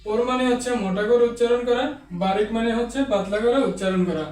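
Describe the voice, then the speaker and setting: A man teaching an online Quran reading lesson, explaining each rule and then chanting Arabic examples in a slow, drawn-out recitation. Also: extremely high pitch, darkish tone, recorded from a distance. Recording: echoey, off-mic room sound.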